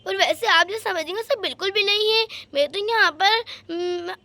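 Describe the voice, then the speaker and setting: A woman's voice: very high voice, normal speed, bright, forceful tone, dry recording, exaggerated voice. A woman voicing an anxious young caretaker. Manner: pleading, anxious. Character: frightened young female caretaker. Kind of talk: doll story voice acting.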